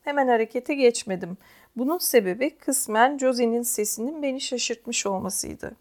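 A woman narrating an audiobook in a calm, measured first-person voice. Her voice sits somewhat high.

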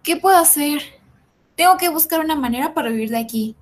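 Woman doing a trapped goddess in a myth podcast, high voice, desperate, urgent pleading. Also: expressive, fairly quick. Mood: fed up. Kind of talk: acted myth retelling for podcast.

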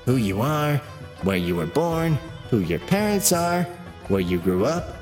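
Man doing a small chatty robot, cheerful, naive, lively up-and-down voice, faint music behind. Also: mid-range voice, measured pace, pitched above the performer's own voice. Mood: cheerful, innocent. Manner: chatty, guileless, catches himself mid-sentence. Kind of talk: storybook narration with voiced characters.

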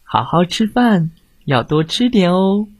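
A man voicing an adult mother who nags and then speaks tenderly, in a high, sing-song storybook voice. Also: sing-song, unhurried, darkish tone, breathy edge, no echo, exaggerated voice. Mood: gentle.

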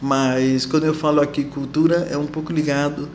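A woman recalls her years as an activist in a relaxed interview, slipping into the voices of the people she quotes. Her voice rings in an echoey room with a faint hiss of background noise. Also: low voice, moderate pace. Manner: lively storyteller who acts out quoted voices. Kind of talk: casual interview recollection.

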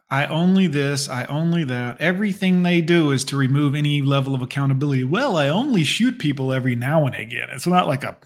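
A man with a fairly high voice delivers blunt, crude commentary. He mocks and scolds without holding back. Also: expressive, a little fast. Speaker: commentator reacting to a radio clip. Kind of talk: profane reaction commentary.

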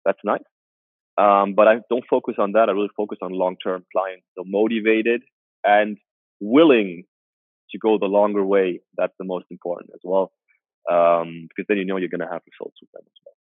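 A man who works as a strength coach, answering interview questions in a halting way and restarting his phrases often. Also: low voice, flat delivery, no room sound. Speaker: strength coach and personal trainer. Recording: tinny phone-like call line.

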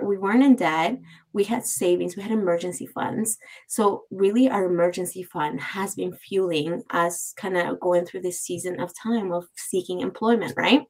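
A woman's voice: medium pitch, gravelly, a little mellow, low-quality recording. A woman in her thirties co-hosting a podcast, chatting casually and laughing often. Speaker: podcast co-host. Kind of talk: casual chat.

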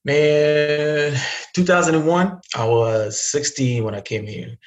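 Here the same South Sudanese guest investor in his thirties sounds higher and slower, and the audio is dull and roomy. He still chats loosely, his Arabic-first speech peppered with fillers and false starts.

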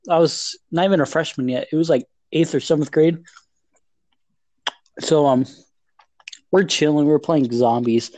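Teen boy, podcast host, rambling swear-heavy storyteller, slightly high voice, dry close sound. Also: darkish tone, no echo. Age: teens. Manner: rambling, laughing, heavy swearing and filler words. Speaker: podcast host telling stories. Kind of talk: casual storytelling.

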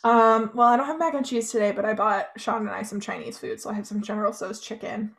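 A woman's voice: medium pitch, fairly even intonation, fast talker, creaky. A young woman co-hosting a casual podcast, chatty and laughing, swearing now and then. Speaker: podcast co-host.

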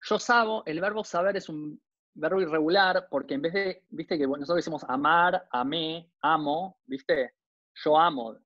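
A man with a Rioplatense Argentine accent gives a relaxed university lecture. His voice sits a little high, and he keeps checking in with his listeners as he talks. The recording is dry and somewhat dull, with a lo-fi sound. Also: normal speed, no room sound. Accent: Rioplatense Argentine Spanish. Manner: conversational, often checks in with "¿no?". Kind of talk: informal lecture.

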